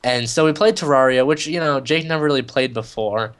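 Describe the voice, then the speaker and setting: A young gaming-channel co-host tells a story in loose, filler-heavy chat over gameplay. His mid-range voice is fairly bright and clean, moving a little fast.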